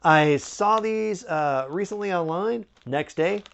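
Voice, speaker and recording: A man's voice: sits high, slow, vocal fry, fairly bright tone. A man giving a casual, chatty snack review with wry, joking asides.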